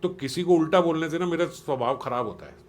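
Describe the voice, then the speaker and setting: A man's voice: fairly high pitch, quick pace, slight background noise. A man giving a conversational spiritual talk to a small group, earnest and persuasive, often putting questions to his listeners. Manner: questioning, quizzes listeners, acts out quotes in everyday voices. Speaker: spiritual teacher.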